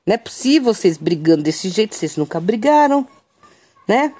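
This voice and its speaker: A woman voicing a calm, concerned mother. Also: mid-range voice, moderate pace. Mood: gentle. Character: calm concerned mother talking to her teens.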